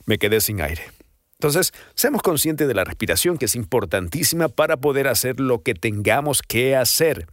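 Male voice coach, casual and demonstrative, average pitch, dry small room. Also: animated, normal speed, no room sound. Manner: demonstrative, swings pitch and loudness on examples; chatty, self-deprecating. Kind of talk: casual voice-training lesson.

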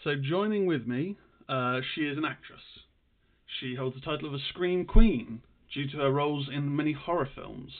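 A man's voice: fairly high pitch, animated, moderate pace, phone-quality sound. A man presenting a livestream as a horror host, with showman-like greetings and introductions, heard through thin online stream audio.

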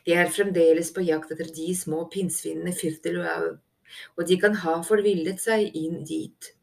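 A woman voicing a calm, earnest young male squirrel messenger in a fantasy audiobook. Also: fairly low pitch, vocal fry.

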